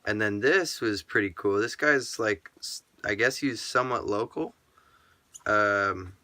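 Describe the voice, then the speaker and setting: Slow-talking man with a bright, crisp voice. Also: on the low side. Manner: rambling and relaxed, full of ums and uhs; talks to himself aloud. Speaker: sports card collector showing his cards. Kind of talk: casual vlog chat.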